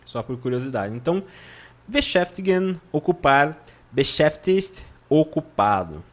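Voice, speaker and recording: Brief: Brazilian male German tutor, slightly high voice, breaks words into syllables, constant check-ins. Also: big pitch swings, measured pace. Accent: Brazilian Portuguese. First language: Portuguese. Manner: drills pronunciation, repeating words syllable by syllable. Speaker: German teacher. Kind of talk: online language lesson.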